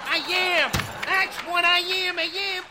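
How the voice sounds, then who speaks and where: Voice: very high voice, fairly even intonation, takes it slowly, a loud crowd, very noisy. An actor playing a dim, loyal gangster sidekick in a vintage cartoon voice with tough-guy slang, in old-time radio comedy style. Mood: blunt, silly.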